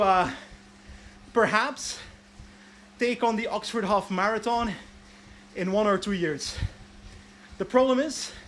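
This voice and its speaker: Guy livestreaming from his indoor bike, talking over the pedaling, kinda high voice, casual. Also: fairly bright tone, slight background noise. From Belgium. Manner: chatty, answers viewer questions from chat, laughs at himself. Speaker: livestream host. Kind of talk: casual livestream chat while riding an indoor bike trainer. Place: warm indoor room with a bike trainer and fan.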